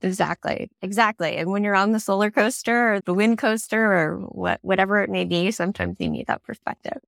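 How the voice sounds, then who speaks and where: Recovering from a cold, this thirty-something clean energy startup leader sounds scratchy and creaky, her medium-pitched voice brisk and sing-song. She answers interview questions earnestly and thoughtfully, restarting in small ways. The sound is studio quality with no echo.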